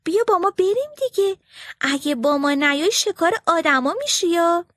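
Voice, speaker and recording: A woman's voice: very high-pitched, animated, fairly bright tone, no room sound, studio quality, voice pushed up. A woman voicing a young starling bird urging another bird to flee with it, in a storybook reading. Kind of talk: storybook character voice.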